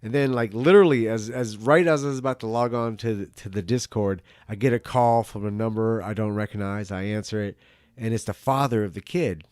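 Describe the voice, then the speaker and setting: A middle-aged man in a casual, rambling monologue as a video host, halting and repeating words, with some casual swearing. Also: fairly low pitch, a little mellow, dry recording, clean studio sound. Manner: casually foul-mouthed. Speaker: video host answering viewer questions.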